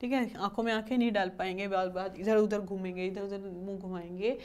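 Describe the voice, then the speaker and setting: A woman's voice: mid-range voice, fairly even intonation, a little fast, darkish tone. A woman teaching an exam-prep lesson, repeating questions and answers to drill terms and mixing in English words. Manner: mixes English terms into Hindi explanations.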